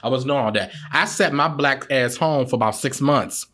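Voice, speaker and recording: A man, a celebrity publicist, telling stories as a guest in a casual podcast chat, emphatic and repeating words as he gathers his thoughts. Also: moderate pace. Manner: animated, emphatic, leaps up in pitch when excited.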